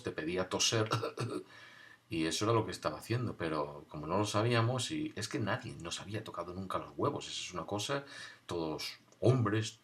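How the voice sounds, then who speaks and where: A man from tells a personal story from his school years in a conversational, wry way, pausing and restarting as he recalls. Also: lowish voice, fairly bright tone.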